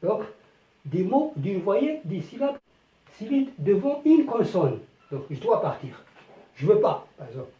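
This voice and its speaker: Mellow teacher voice with a lively pitch. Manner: slow, deliberate, repeats each example several times. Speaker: French language teacher. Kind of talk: explanatory lesson. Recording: dull, echoey room, voice from a distance.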